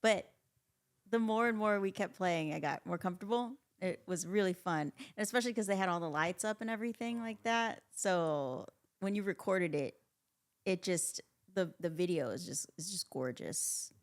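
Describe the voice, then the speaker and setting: A woman's voice: on the low side, moderate pace. Upbeat woman in her thirties. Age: 30s. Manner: upbeat, repeats phrases for emphasis. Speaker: band member guest. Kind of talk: casual interview chat.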